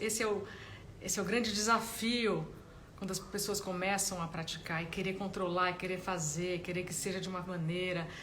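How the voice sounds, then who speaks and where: Brief: woman teacher leading a live meditation talk, soft and explanatory, medium pitch. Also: a little hiss or hum. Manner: gentle, explanatory, frequent "né?" tags.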